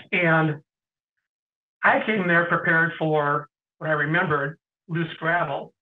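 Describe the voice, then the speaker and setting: A middle-aged man, an interview guest, tells stories in a casual way, often clearing his throat and pausing with fillers. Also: on the high side, fairly even intonation. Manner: anecdotal, frequent throat clearing and hesitant fillers. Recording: tinny phone-like sound.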